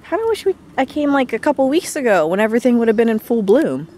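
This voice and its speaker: A young woman from West Virginia films a walk through a windy botanical garden, chatting and rambling with quick laughs. Her warm, fairly high voice swings widely in pitch.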